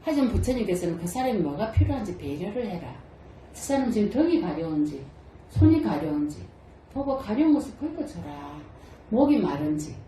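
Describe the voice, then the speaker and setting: Older nun preaching in a roomy hall. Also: female voice, mid-range voice, a little fast, slight background noise. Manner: lively, asks the audience many rhetorical questions. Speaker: Buddhist nun and temple abbot. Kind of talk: dharma talk. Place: temple hall. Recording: roomy echo.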